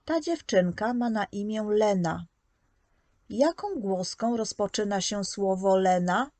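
A woman teaches preschoolers in an unhurried, patient voice, sounding out each letter with care. Her mid-range voice is recorded close and dry, with no room around it. She speaks as if guiding small children step by step. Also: medium pitch, mellow, dry recording. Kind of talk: slow, scripted lesson narration.

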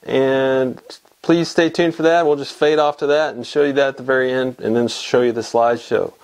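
A Texan man in his fifties hosts a casual weekly fly fishing report from his small home fly shop, talking to a camera mic at desk distance. His medium-pitched voice is steady and a little mellow at normal speed, and he rambles with many fillers and restarts.

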